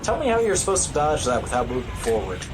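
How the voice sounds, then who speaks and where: A man races through casual live commentary on his own speedrun, his mid-range voice swooping wildly in pitch. His humor is wry and understated, and loud video game music sits behind the voice.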